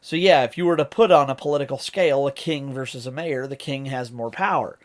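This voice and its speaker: A man's voice: mid-range voice, brisk. A man from Ohio with an American accent, hosting a reaction video and explaining lyrics in a casual, rambling way as he thinks aloud. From Ohio, United States.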